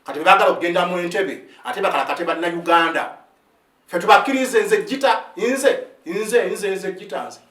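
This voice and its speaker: A man in his fifties, an army sergeant and a native Luganda speaker, talks fast and high as he pours out his account, mixing in English phrases and tossing "eh?" at his listeners. His words stumble into restarts. The recording is roomy, and he sits a good distance from the microphone. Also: fairly bright tone. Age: 50s. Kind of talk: impassioned spoken account. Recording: roomy sound, set back from the mic.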